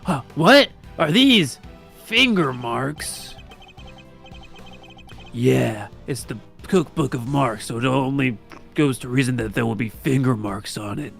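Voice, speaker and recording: A man voicing a dry, sarcastic young male investigator in an improvised comedic fan dub, deadpan and teasing. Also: medium pitch, takes it slowly, creaky, soft background music, heavily acted.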